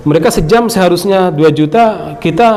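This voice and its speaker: High-voiced, humorous middle-aged preacher. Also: male voice, moderate pace. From Bima, Indonesia. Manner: lively and humorous, often laughing and acting out dialogue. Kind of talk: religious lecture with casual storytelling.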